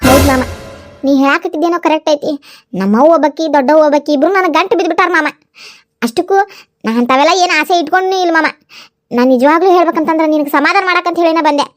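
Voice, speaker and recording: Cartoon voice, gentle young village woman, North Karnataka accent, consoling, very high-pitched, as a woman puts her on. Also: quick pace, close to an everyday voice. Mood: earnest. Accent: North Karnataka Kannada. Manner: consoling, pleading. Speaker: cartoon voice actor. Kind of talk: cartoon comedy voice acting.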